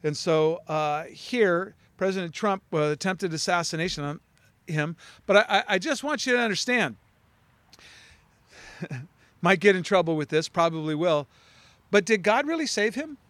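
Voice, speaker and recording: A man's voice: high voice, expressive, normal speed, long pauses, fairly bright tone, no echo. A man preaching a sermon in a rambling, emphatic way, with many restarts and fillers. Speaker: pastor.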